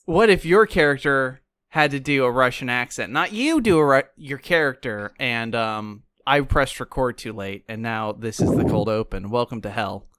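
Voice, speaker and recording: A man's voice: medium pitch, animated, normal speed, hardly any pauses, a bit bright, clean tone, no echo, studio quality. A young man, the game master of a tabletop podcast, chatting and laughing with his players and reading things aloud with mock gravity. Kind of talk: casual podcast banter.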